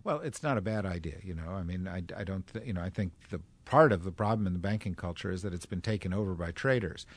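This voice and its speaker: A male author being interviewed on a radio talk show, talking forcefully and building to emphatic points. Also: deep voice, animated, fast, few pauses, no room sound. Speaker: guest author.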